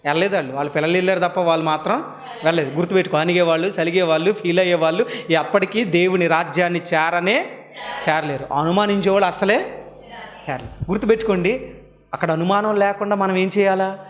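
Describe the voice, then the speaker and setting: A male pastor preaching a sermon, quizzing the congregation and swinging between low and high tones. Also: fairly even intonation, fast talker. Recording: long reverb in a hall.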